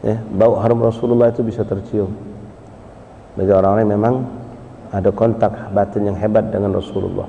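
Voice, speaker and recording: A man's voice: on the low side, little pitch movement, a little fast, vocal fry, long pauses, warm tone, slight background noise. A man preaching in a mosque and telling stories animatedly, often calling out to the congregation. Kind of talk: sermon storytelling. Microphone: live-stream microphone. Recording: echoey lo-fi mosque hall.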